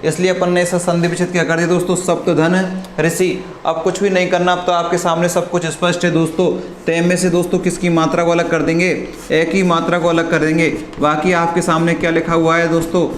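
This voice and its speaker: A man teaches a live online grammar lesson, posing questions and answering them himself, calling his students "friends" and often clearing his throat. His voice is on the high side, and the room is echoey with faint noise.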